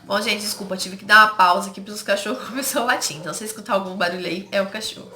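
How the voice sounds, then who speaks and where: Racing through her story in a mid-range voice, a woman from Brazil vlogs from home, emotional and casual. She often says "gente" to viewers and quotes other people, and the room echoes with faint noise.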